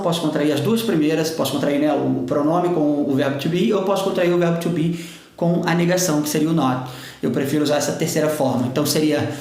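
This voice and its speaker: A Brazilian man teaching a grammar lesson with a voice set a bit higher than most men's. He talks in a chatty way and keeps checking in with his students as he explains. The sound is very echoey, as if the room had bare walls. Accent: Brazilian Portuguese. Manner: chatty, often checks in with "tá?" and "gente". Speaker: English teacher.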